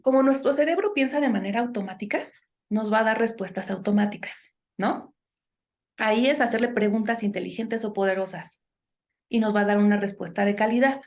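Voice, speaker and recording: A woman's voice: on the high side, fairly quick, a little mellow. A woman, a guest in a conversational podcast interview, giving earnest advice and often tagging her sentences with questions and "este" fillers. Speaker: guest speaker on impostor syndrome.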